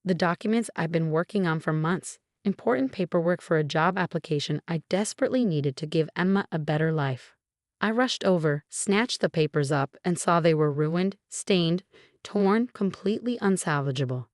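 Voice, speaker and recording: A woman narrating a first-person story in a steady, even storytelling manner. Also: lowish voice, normal speed, dry recording, studio quality.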